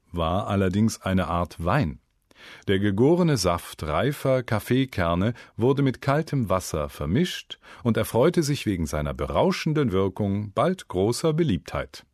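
A man with a low voice narrates an educational script for language learners. He tells it like a story, and his pitch rises and falls a lot. The sound is dry and close, like a studio booth. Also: measured pace, dry recording. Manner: lively, storytelling delivery. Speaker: narrator of a German learning program.

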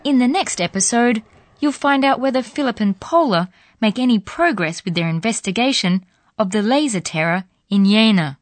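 A woman's voice: fairly high pitch, animated, moderate pace. A woman presenting a scripted radio language course in an instructional way. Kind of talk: scripted lesson narration.

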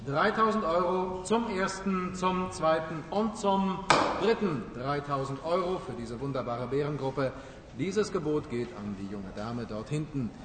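A man's voice: fairly high pitch, measured pace, lightly acted. A man playing a polite, formal auctioneer calling out bids in an acted radio course scene. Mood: formal, brisk. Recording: echoey hall, distant, noisy.

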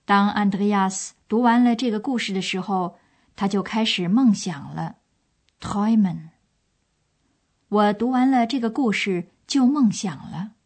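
A woman's voice: mid-range voice, measured pace, a little mellow. A woman presenting a language course with scripted, explanatory storytelling narration.

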